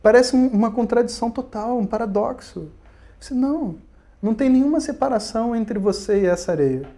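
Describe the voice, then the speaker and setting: A man's voice: extremely high pitch, a little fast, dark tone. A man with a Brazilian Portuguese accent giving a recorded philosophy lesson, talking conversationally and acting out imagined dialogues. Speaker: spiritual teacher.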